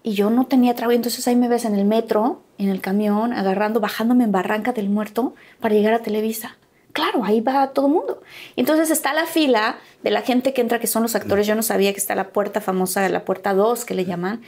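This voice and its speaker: Mexican actress as interview guest, slightly high voice, lively anecdote-telling with acted-out quotes. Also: female voice, fast. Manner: animated, acts out quoted dialogue. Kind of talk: casual storytelling interview.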